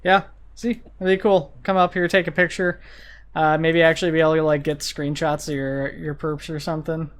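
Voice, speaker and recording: A video game streamer rambles casually as he thinks aloud, his voice medium in pitch, flat, and at a normal pace. Sirens and vehicle sounds from the game can be heard behind him.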